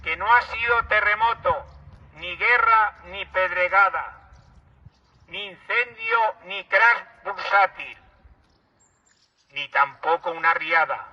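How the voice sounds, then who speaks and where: A man declaims a rhyming festival proclamation as a town crier, in measured verse. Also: high-pitched, lively intonation, dry recording. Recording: muffled, distant mic.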